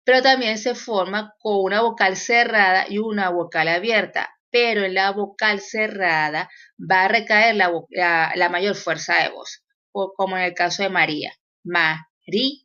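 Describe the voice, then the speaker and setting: A woman's voice: mid-range voice, moderate pace, pushed and bright, lo-fi sound. A woman teacher explaining grammar in a recorded lesson, with fillers and self-corrections.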